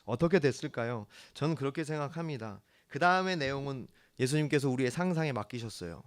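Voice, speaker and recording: A man preaching a sermon as the church's pastor, earnest, swinging from hushed lines to emphatic ones. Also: mid-range voice, lively intonation, fast talker.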